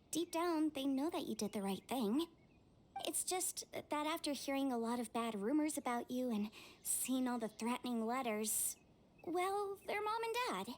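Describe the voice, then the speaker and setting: A protective young sister in a game. Her voice is high and she talks casually and frankly, with care. There is slight background noise. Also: a little mellow. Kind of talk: scripted game voice acting.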